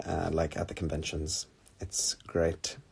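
A deep-voiced man chats casually into his phone on a livestream. He rambles a little and pokes fun at himself as he answers questions. His voice has a slightly husky edge. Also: level tone, a little slow, a little mellow. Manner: rambling, self-deprecating, with laughs and fillers.

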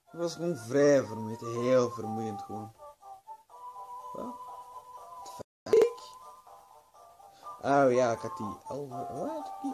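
On a rough recording, a tired young gaming host with a mid-range voice rambles and mutters through casual gameplay commentary, swearing here and there. He's drowsy, sitting in a small room at home with game music in the background.

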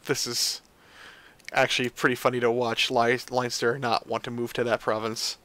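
A man's voice: mid-range voice, little pitch movement, moderate pace, fairly bright tone. A man giving casual let's play commentary on a strategy game, grumbling, sighing and swearing at it. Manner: swears freely.

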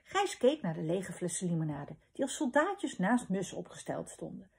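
Children's storyteller, female, husky, expressive and animated reading. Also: fairly low pitch, moderate pace.

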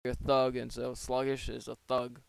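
A man's voice: medium pitch, completely flat delivery, normal speed, creaky, smooth, no echo. A man giving casual, rambling play-by-play of his own online battle, with joking asides, close to a desk microphone. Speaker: league player.

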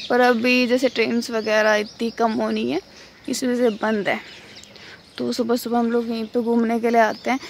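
Young woman vlogging outdoors on her phone, gravelly voice, loud street noise around. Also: fairly high pitch. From India. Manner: chatty, rambling, filler-heavy. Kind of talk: casual vlog talk to camera. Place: outdoors on a quiet railway colony road. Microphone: phone held at arm's length.

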